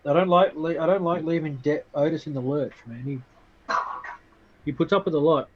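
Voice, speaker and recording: A man's voice: on the high side, fairly even intonation, normal speed, dull audio. A man playing his character in a tabletop game, rambling and poking fun at himself. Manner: rambling, self-mocking. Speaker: player. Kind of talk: in-character tabletop role-play.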